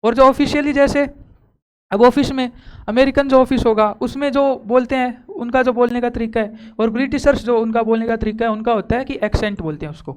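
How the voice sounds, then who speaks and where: A woman teacher runs a classroom lesson with a smooth, clear voice. She keeps questioning her pupils and says the key terms again, slowly and with care. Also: fairly high pitch. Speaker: school teacher. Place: school classroom.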